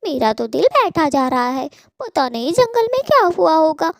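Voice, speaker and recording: A woman voicing a newly married young wife in a cartoon story who coaxes and gently scolds her husband. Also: high voice, big pitch swings, normal speed, no echo. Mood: anxious.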